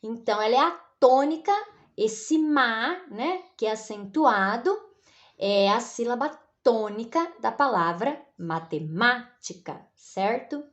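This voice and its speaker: A woman's voice: fairly high pitch, animated, measured pace, lo-fi sound. A Brazilian woman teaching a recorded lesson, patient and repetitive, checking in with the class after almost every phrase. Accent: Brazilian Portuguese. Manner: patient, repeats tag questions like "né?" and "tá?".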